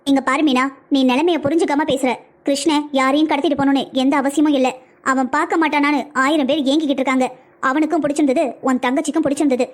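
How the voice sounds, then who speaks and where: A woman voicing a fast, reproachful cartoon mother. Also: high voice, fairly even intonation, lightly acted. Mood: stern. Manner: reproachful, emotional. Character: middle-aged mother, proud mother-in-law. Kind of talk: cartoon family drama acting.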